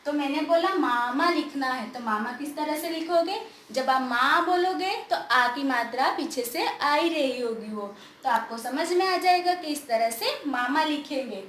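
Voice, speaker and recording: High-voiced woman teaching young kids. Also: a bit bright, reverberant, a little hiss or hum. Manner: asks pupils questions and answers them herself; stretches words slowly to demonstrate sounds. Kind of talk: children's grammar lesson.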